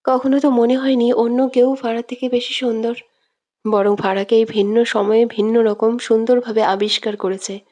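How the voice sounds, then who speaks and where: A woman's voice: fairly high pitch, normal speed, highs cut off. Woman narrating a dramatic romance. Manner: steady, dramatic storytelling. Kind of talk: audio story narration.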